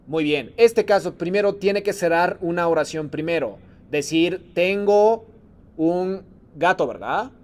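Man, Japanese teacher, patient and encouraging, slightly high-pitched voice, switches between Spanish and Japanese phrases. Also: expressive, unhurried. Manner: patient, encouraging, calls on students by name. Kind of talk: online class lesson.

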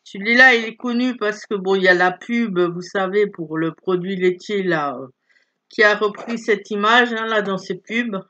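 A middle-aged woman presents craft kits on her vlog in a relaxed, chatty way. She hesitates often, filling gaps and restarting her sentences. The recording sounds dull and lo-fi, with a voice of ordinary middle pitch. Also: moderate pace. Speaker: craft vlogger. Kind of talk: casual product show-and-tell. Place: at home, filming her hands.

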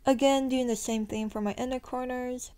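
A woman's voice: high-pitched, fairly even intonation, normal speed, mellow, clean tone. A young woman narrating her makeup tutorial in a chatty, self-deprecating voice-over, her sentences often rising at the end. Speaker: beauty vlogger.

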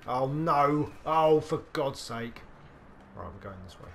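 A young man commentating on his own gameplay, excitable, talking to himself and swearing freely as he plays. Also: fairly high pitch, takes it slowly, slight background noise. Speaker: gaming video host.

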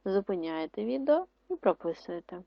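A woman teacher giving a video lesson to schoolchildren, dictating words slowly and explaining rules in a clear, instructive way. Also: medium pitch, sing-song, no echo. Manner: slow, syllable-by-syllable dictation of words. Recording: dry, muffled lo-fi recording.

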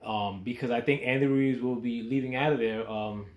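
A man's voice: mid-range voice, fairly even intonation, moderate pace. A man who just woke up, giving casual boxing commentary with lots of ums and restarts. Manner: hesitant, many ums and restarts. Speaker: boxing vlogger. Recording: echoey room.

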